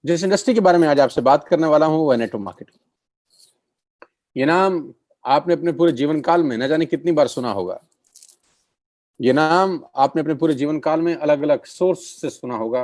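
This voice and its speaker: A man's voice: medium pitch, darkish tone, no echo, clean studio sound. A middle-aged man giving a persuasive business opportunity presentation, repeating phrases for emphasis and calling listeners his friends. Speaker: network marketing presenter.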